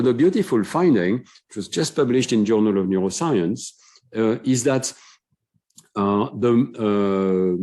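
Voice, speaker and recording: A middle-aged man giving a conference lecture, explaining research findings with frequent "uh" fillers and clear enthusiasm. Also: on the low side, mellow.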